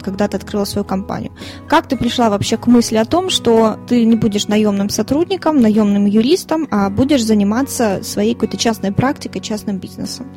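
Woman host firing off quick questions, warm mellow tone, fairly high voice. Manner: quick, prompting follow-up questions. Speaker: radio show host. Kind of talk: friendly interview questions.

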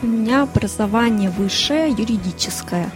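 A woman in her thirties from Ukraine, a lawyer and consultant, answering interview questions in a measured way with fillers. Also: a little high, animated, music in the background. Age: 30s. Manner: measured, listing things with fillers.

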